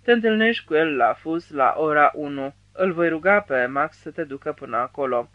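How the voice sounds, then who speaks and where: A male narrator voicing a calm, polite female secretary in an audiobook. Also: on the high side, dry recording, lo-fi sound, close to an everyday voice.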